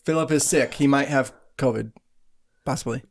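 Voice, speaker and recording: A man's voice: medium pitch, normal speed. A man hosting a casual podcast, joking, laughing often and swearing casually. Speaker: podcast host.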